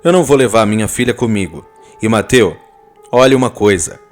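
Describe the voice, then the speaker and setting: Man as a calm, firm husband. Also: fairly quick, faint music behind, close to an everyday voice. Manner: soft, low and steady.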